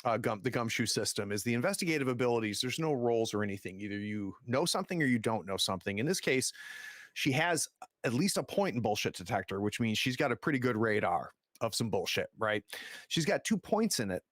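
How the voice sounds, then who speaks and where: A man's voice: medium pitch, very animated, a little fast, a bit bright, no room sound. A man with a mid-range voice runs a tabletop game as its game master. He narrates and explains conversationally, and the sound is dry with little room.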